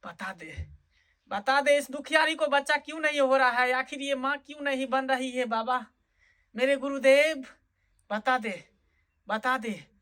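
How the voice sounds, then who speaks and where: Sketch: chuckling lecherous fake godman with a lilt, voiced by a woman, bright tone, higher than usual. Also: a little slow. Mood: sly. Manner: sly, wheedling, chuckles often. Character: sleazy lecherous fake holy man, male, middle-aged. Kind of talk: comic sketch acting.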